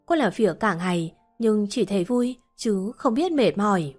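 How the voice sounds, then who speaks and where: A woman narrating an audiobook novel in a steady storytelling manner, with faint music behind. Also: mid-range voice, moderate pace.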